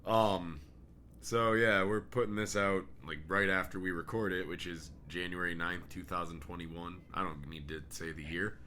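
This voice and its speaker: This deep-voiced man co-hosts a casual podcast chat, sounding tired and yawning, yet joking and laughing often. His intonation is fairly even, his speed normal, and his tone sharp, with a little hiss or hum audible.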